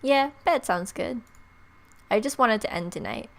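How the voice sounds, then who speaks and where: A young woman hosts a let's-play, reading the game's narration aloud with expression and tossing in playful, casual reactions while game music plays. Her voice sits a little high and is unhurried, creaky, and slightly bright.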